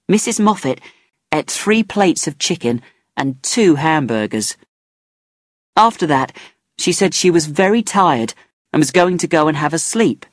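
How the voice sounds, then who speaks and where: A woman reading a first-person story aloud with a wry, measured delivery. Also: deep voice, dry recording, clean studio sound.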